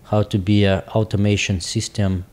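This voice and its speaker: A man in his forties with a Russian accent, speaking in halting, searching English as an interview guest. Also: on the low side, little pitch movement, darkish tone. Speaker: guest, business owner. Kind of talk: casual interview talk.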